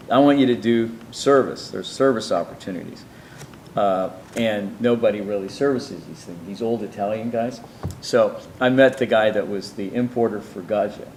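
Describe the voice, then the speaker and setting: A man's voice: on the low side, moderate pace, echoey room, a little hiss or hum, poor audio. A man telling his life story in an interview, rambling through asides and acting out the people he quotes. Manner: meandering, many restarts and asides, acts out quoted people.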